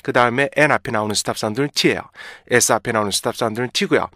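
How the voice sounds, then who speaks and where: A man's voice: medium pitch, bright, forceful tone, no room sound. Guy teaching english pronunciation, patient, keeps checking in, drawls the example words, dry close sound. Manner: explains patiently, slowly drawing out example words; checks in with the viewer often. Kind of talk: pronunciation lesson.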